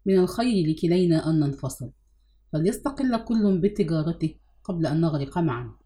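A woman's voice: deep voice, animated, brisk, dark tone, voice pushed down. A woman voicing a grave, weary adult man in an audiobook reading. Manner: grave, sorrowful.

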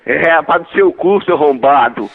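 A man's voice: a little high, animated, normal speed, slightly rough. A man answering a hotel phone, angry, cursing and threatening the caller. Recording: tinny phone line.

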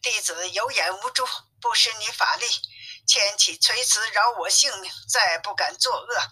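A woman's voice: mid-range voice, normal speed, sharp tone, breathy edge, exaggerated voice, rough recording. A woman voicing an arrogant young demon king in a storybook reading, sneering and boastful in speech. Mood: pleading.

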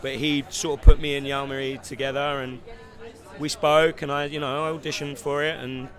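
A man with an English accent, an actor from London, chatting in an outdoor red-carpet interview with relaxed, dry humor. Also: medium pitch, brisk. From London, England. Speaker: actor, guest. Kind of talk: casual interview chat.

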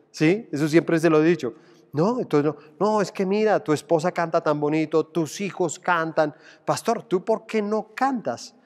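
A man's voice: on the high side, a little mellow, in a large hall. A man preaching a sermon as pastor, addressing listeners directly and acting out quoted voices.

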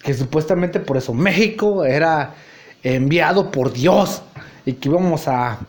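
A man's voice: fairly high pitch, a little slow. A man, hosting a podcast and telling rambling stories full of crude slang. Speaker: podcast host. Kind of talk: casual storytelling monologue.

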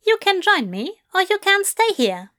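A woman voicing a fussy, fond male angel who speaks in a genteel, prim and gently teasing way. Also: extremely high pitch, very animated, unhurried, voice pushed up, full character voice. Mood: gentle.

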